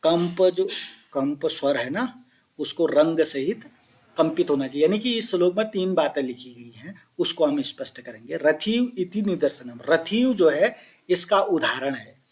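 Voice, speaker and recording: A man teaching Sanskrit pronunciation, explaining each point and chanting example words slowly while asking his pupils questions. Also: on the high side, lively intonation. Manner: addresses listeners as children. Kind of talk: classroom explanation of Sanskrit phonetics.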